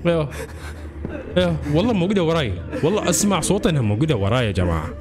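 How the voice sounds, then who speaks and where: A man commentating a horror game let's-play, excitable and jumpy, constantly calling out to his viewers. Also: on the high side, racing. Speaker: gaming channel host.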